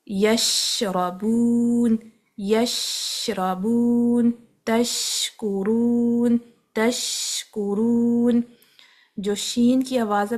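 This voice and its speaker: A woman teaching tajweed, patiently explaining where letters are formed and repeating each sound slowly, with English words mixed in. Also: mid-range voice. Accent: Pakistani Urdu. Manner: patient, step-by-step instruction mixing in English terms. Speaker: Quran recitation teacher.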